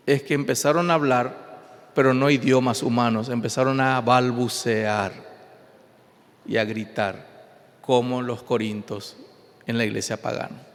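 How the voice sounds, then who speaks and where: A pastor preaching an emphatic sermon, his voice rising and falling. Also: mid-range voice. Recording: long hall reverb.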